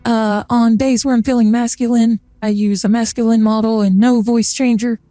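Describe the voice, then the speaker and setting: This VTuber streamer's voice is run through a changer to sound feminine while they chat about the game in a rambling, filler-laden way. Delivery is flat at medium pitch and moderate pace, with a dark tone in a dry recording.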